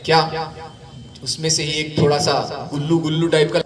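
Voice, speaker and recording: A man giving a spiritual lecture as lively, conversational storytelling, with asides to the audience. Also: fairly high pitch, fairly quick, a little hiss or hum. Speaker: spiritual speaker. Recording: echoey room, distant mic, crowd.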